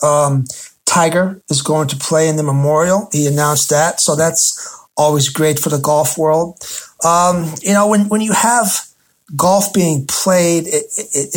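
Halting male sports radio host. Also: a little high. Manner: halting, hesitant delivery with frequent pauses. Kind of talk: loosely scripted sports talk commentary.

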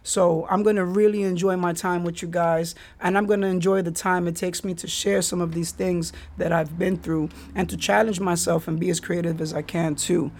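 Telling stories alone on his casual podcast, this Bronx man uses street slang and keeps things laid-back. His high, raspy voice barely moves in pitch, and he talks at a normal speed with few pauses.

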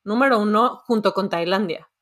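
A woman's voice: mid-range voice, moderate pace. A Mexican woman in her thirties hosting a podcast, talking frankly and with slang in casual chat. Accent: Mexican Spanish. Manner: frank, slangy, loose talk. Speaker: podcast host.

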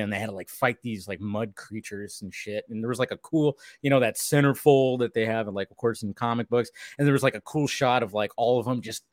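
A man co-hosts a casual discussion show about an animated series, rambling in slangy chat that drifts into tangents. His voice is medium-pitched, and the studio-quality recording has no echo.

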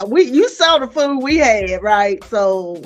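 Middle-aged lady hosting a podcast, talks a lot, laughs easy, kinda high voice, soft music behind. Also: slow. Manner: chatty and expressive, laughing and exclaiming. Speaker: podcast host. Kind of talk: casual chat.

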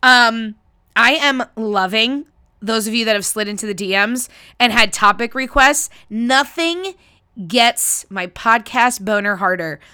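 A woman's voice: on the high side, unhurried, bright, forceful tone, clean tone, dry recording, clean studio sound. A woman hosting a chatty solo podcast in a casual, cheeky, sweary way, her voice nasal and congested as if she has a sniffly nose. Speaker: podcast host.

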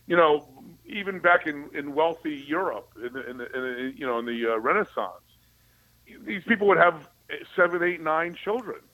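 A man's voice: a little high, expressive, normal speed, bright, forceful tone, low-quality recording. A man giving opinionated political talk as a commentator, with a sarcastic, conspiratorial ranting manner.

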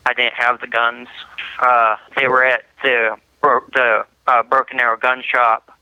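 Young guy on a prison payphone, bright edge, dry and muffled, halting and flat. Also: medium pitch, clear, resonant tone, no echo. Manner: halting, flat, restarts words. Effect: prison payphone call line. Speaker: prison inmate. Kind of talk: interview over a prison phone. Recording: muffled prison phone line.

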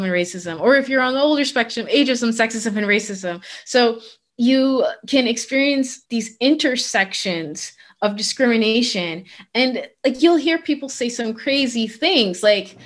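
A woman from the Bahamas speaks in an interview, her voice sitting somewhat high. She talks candidly and with emphasis, stressing key words as she describes her experiences as a coach. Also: fairly bright tone. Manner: candid, emphatic, laughs in disbelief at anecdotes. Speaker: interview guest, career coach. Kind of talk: conversational interview.

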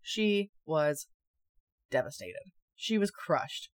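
A young woman co-hosting a casual chat and reading stories aloud, chatty and quick to laugh. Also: sits low, big pitch swings, dry recording. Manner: chatty and giggly. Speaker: podcast co-host.

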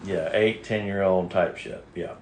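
Podcast host, lowish male voice, rambling and crude, roomy echo. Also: measured pace, a little mellow. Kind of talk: casual chat.

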